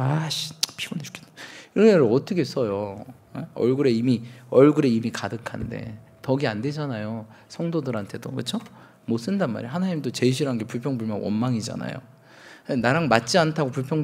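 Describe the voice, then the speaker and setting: A man's voice: medium pitch, animated, fast, creaky, a little mellow. A man in his thirties, a pastor preaching a sermon, telling candid self-mocking stories and acting out quotes.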